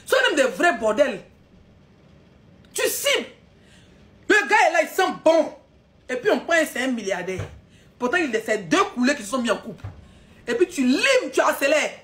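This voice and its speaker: Woman, high pitch, scolding live-stream rant with mocking laughter. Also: fairly bright tone.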